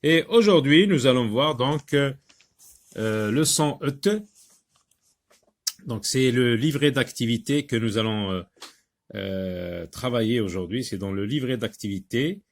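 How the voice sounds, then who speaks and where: A man teaching a reading lesson to young children, repeating words slowly and patiently with many hesitant fillers. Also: medium pitch, animated. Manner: slow, patient, repeats words and syllables for learners; frequent hesitations with drawn-out fillers.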